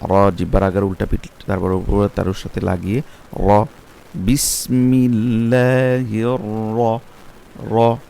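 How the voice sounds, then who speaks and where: A man with a Bangladeshi Bengali accent teaching Quran recitation step by step, spelling out letters and vowel marks, then chanting words slowly and drawn out. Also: low-pitched, fairly even intonation, gravelly, warm tone.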